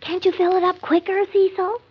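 A prim, nervous wife from an old radio comedy speaks in a high, earnest, fretful voice, stubbornly insisting on her point. Her pitch barely moves and her pace is moderate. The recording is dull, lo-fi and vintage.

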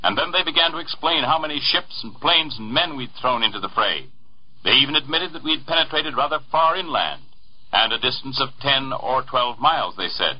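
An American man reading a wartime radio news bulletin in a formal, measured, emphatic 1940s newsreel manner, on a vintage radio recording. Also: medium pitch, animated, highs cut off. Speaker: radio newscaster.

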